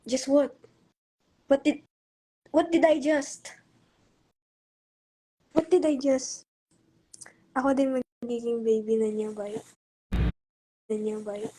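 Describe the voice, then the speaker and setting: High-voiced woman chatting on a livestream. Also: steady tone, slow pace, pauses often, mellow. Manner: playful, chats to viewers and coos baby talk to her pet. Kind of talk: casual live-stream chat.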